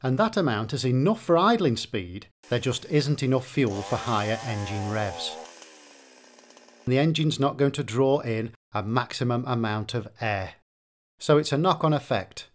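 A man's voice: medium pitch, lively intonation, moderate pace, slight background noise. Guy explaining chainsaw repair step by step, methodical, voice goes up and down a lot. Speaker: repair tutorial presenter. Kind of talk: scripted instructional narration.

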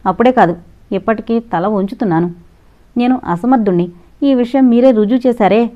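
A woman's voice: mid-range voice, fairly quick, lightly acted. Woman reading proud, wounded middle-aged father. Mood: bitter. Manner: emotional, forceful. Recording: dull lo-fi recording.

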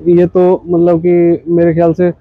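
Higher-voiced man pitching shoes at an expo. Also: completely flat delivery, unhurried, no room sound, phone-quality sound. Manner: explains patiently with many fillers and "ji, sir". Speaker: footwear company representative. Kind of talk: product walkthrough at a trade expo stall. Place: indoor exhibition hall stall.

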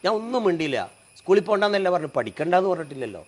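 A middle-aged man, telling an emotional personal story. His voice drops low and soft at the sad moments. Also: very animated, rapid-fire.

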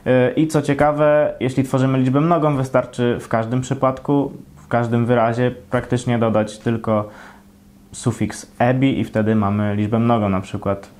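A man's voice: mid-range voice, level tone, normal speed, a little mellow. Young male host, chatty explainer. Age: young adult. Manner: chatty, lightly joking. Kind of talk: casual explainer. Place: small indoor room, flag backdrop.

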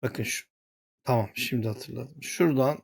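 A man's voice: mid-range voice, normal speed, vocal fry, husky. A man hosting a gaming channel, walking viewers through a screen-share tutorial and muttering to himself when he gets flustered.

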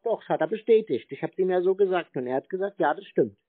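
High-pitched and animated, a man talks fast as he baits a scammer over the phone, arguing, needling and repeating himself stubbornly. The sound is narrow like a phone line, with a little hiss or hum.

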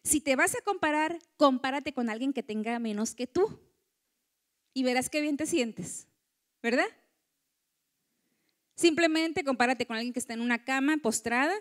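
A woman's voice: high-pitched, moderate pace, long pauses. A woman giving a motivational talk to women, often asking the audience for agreement. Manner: warm lecturing, acts out quoted voices, asks audience. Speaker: conference speaker.

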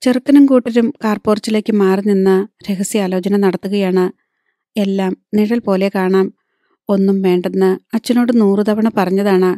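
A woman reads a novel aloud as an audiobook narrator, delivering the scripted text in a steady storytelling manner. Her voice is mid-range and her pace moderate, and the recording is dry and studio quality.

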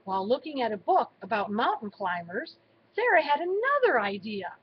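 A woman reading a children's storybook aloud in a slow, expressive way. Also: fairly high pitch, breathy edge, lo-fi sound. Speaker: storybook reader. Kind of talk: read-aloud narration.

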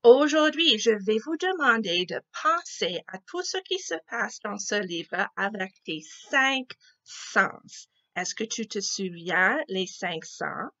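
Slow, expressive woman teacher reading aloud. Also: medium pitch, dull audio. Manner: slow, expressive, asks children questions. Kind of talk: read-aloud picture-book lesson.

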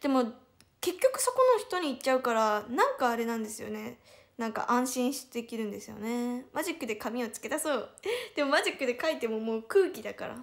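A high-voiced young woman speaks with a Hiroshima lilt. She hosts a relaxed livestream and chats and giggles as she reads out and answers viewers' comments. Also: fast talker, creaky. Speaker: idol livestreamer. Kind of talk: casual livestream chat reading viewer comments.

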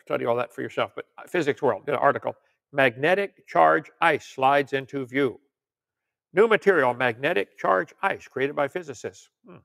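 An older preacher and creationist lecturer gives an informal teaching sermon, reading out articles and viewer questions with folksy joking asides. His mid-range voice is creaky and fairly bright, at a normal speed.

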